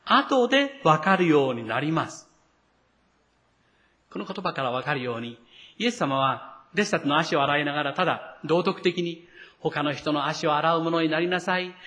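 Male pastor, high bright voice, sermon delivery, acts out quotes, speaks to the congregation directly. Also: fairly quick.

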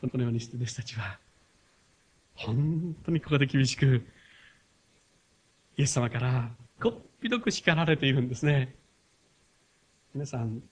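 A man preaching a sermon, firing rhetorical questions at the congregation and swinging from loud emphatic passages to soft, confiding asides. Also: medium pitch.

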